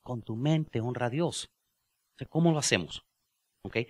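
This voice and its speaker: A man preaching a sermon as pastor, with joking asides, laughter and slow, drawn-out phrases for emphasis. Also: mid-range voice. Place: church.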